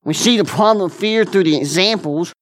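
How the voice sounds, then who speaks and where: An earnest man preaches to his church in a conversational way. He circles back over his words, restarting and repeating phrases. Quick, offhand asides give way to slow, weighty lines. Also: sits high. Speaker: pastor. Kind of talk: conversational sermon.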